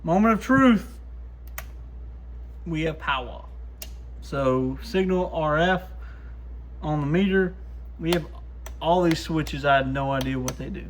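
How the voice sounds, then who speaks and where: A radio shop host with a voice on the high side tests gear by hand, speaking a little slowly and pausing often. He thinks aloud casually in short, muttered remarks as he demonstrates the equipment. Clicks and background noise are clearly audible.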